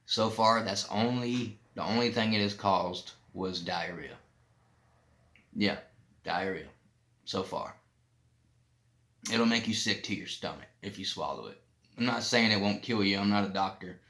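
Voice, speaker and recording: Low-voiced man talking through a swollen mouth. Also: a little slow, long pauses, fairly bright tone. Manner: plain-spoken, informal, loosely rambling. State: talking with a painfully swollen mouth from an abscessed tooth. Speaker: vlogger sharing personal experience. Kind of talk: casual explanatory vlog talk.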